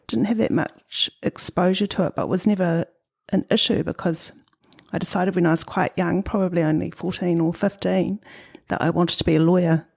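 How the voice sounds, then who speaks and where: Speaking with a New Zealand accent, this middle-aged guest artist from New Zealand has a lowish, creaky voice with a darkish tone and a breathy edge. She responds to interview questions in a hesitant, thoughtful manner, using lots of ums.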